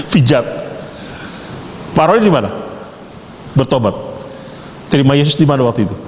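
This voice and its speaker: A man teaching a theology class, quizzing students with quick, joking questions and telling stories. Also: mid-range voice, animated. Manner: jokey, rapid-fire questioning of students. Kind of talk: interactive class lecture with storytelling. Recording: echoey hall, faint background hiss.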